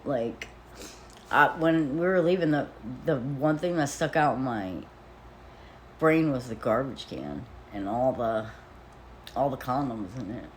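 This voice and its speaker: A woman's voice: very deep voice, measured pace, a little hiss or hum. A woman casually telling a personal story in a rambling way, with lots of "like" fillers and blunt, profane wording. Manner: rambling, with frequent "like" fillers and nervous laughs. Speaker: vlogger.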